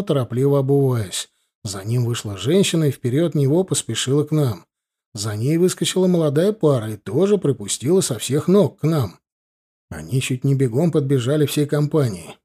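A man reads a first-person story aloud as an audiobook. His voice is dark and husky, a little higher than most men's, and his pitch moves in a lively way. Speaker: narrator.

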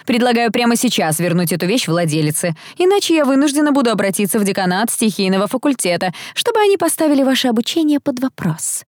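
A woman's voice: fairly high pitch, big pitch swings, fast talker, few pauses, no echo, clean studio sound, voice pushed up. Woman doing a stern, commanding dormitory warden. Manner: commanding, severe. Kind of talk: audiobook character voice.

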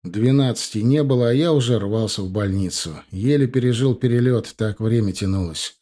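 A man narrating an audiobook in the first person, in brisk storytelling. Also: medium pitch, mellow.

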